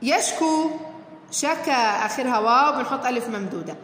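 A woman's voice: fairly high pitch, expressive, moderate pace, fairly bright tone. A woman teacher, explaining a worksheet step by step and encouraging her fourth-grade pupils. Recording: echoey room with long reverb, faint noise.

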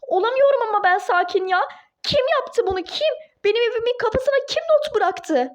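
Voicing a furious young wife in a toy-game role-play drama, a woman shouts indignant, outraged exclamations in a very high, expressive voice at a fairly quick pace. There is a little hiss or hum in the recording.

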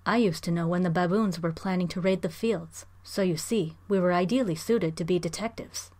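A calm, lanky young man from a storybook explains himself plainly and without fuss. A woman reading aloud voices him close to her own lowish voice. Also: a little fast, natural voice. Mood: matter-of-fact.

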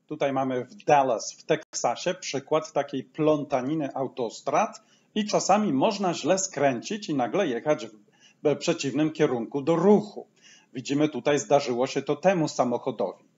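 A man teaching a language lesson, patiently explaining and saying each example phrase slowly twice. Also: a little high, a little mellow, lo-fi sound. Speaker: English teacher.

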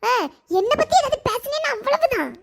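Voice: very high-pitched, animated, fairly quick, vocal fry, slight background noise, full character voice. A voice actor playing a moody young village woman who scolds and grumbles, with a Kanyakumari Tamil accent. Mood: angry. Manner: grumbling, scolding and self-pitying.

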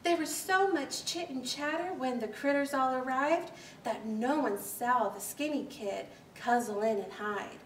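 Her voice sits high as this thirty-something librarian reads a rhyming children's book aloud, giving the verse an animated, rhythmic, carefully paced storytelling lilt. She's in the children's corner of a small library, recorded by a camera a few metres off, with echo and faint hiss.

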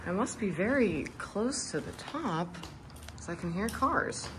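Wading through sludge in a flooded, abandoned indoor basement, a young urban explorer vlogger chats and jokes with her viewers in casual narration. Her voice is medium in pitch, a little slow, and lively in intonation. The handheld camera audio is noisy.

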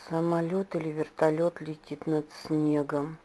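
A woman dictating her visions into a dictaphone in short, halting phrases. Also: deep voice, level tone, dark tone. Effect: dictaphone recording. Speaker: clairvoyant describing visions. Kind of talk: dictated monologue. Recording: dictaphone with faint hiss.

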